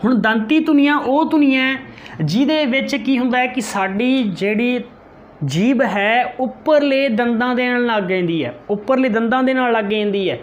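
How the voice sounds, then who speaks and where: A male teacher giving an exam-prep grammar lesson, repeating key terms, slowly sounding out example letters and answering his own questions. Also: extremely high pitch, dull audio.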